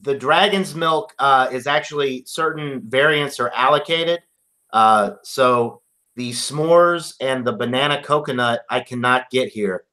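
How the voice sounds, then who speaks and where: A man who is a regular on a beer review show talks over a video call and lays things out in a steady, measured way. His voice is bright and forward, with a middling pitch. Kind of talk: casual chat on a live video call.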